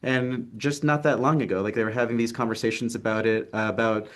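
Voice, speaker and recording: Talking fairly quickly in a medium-pitched, fairly bright voice with fairly even intonation, this young Texan film writer and actor is being interviewed casually over video. He comes across as earnest yet hesitant, leaning on fillers and restarting often. Traffic from the street drifts into his city apartment.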